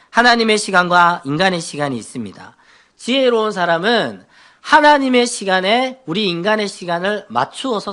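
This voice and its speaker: A man's voice: sits high, a bit bright. A male pastor preaching a sermon. He poses rhetorical questions to the congregation, answers them himself, and now and then acts out churchgoers' prayers in a playful voice.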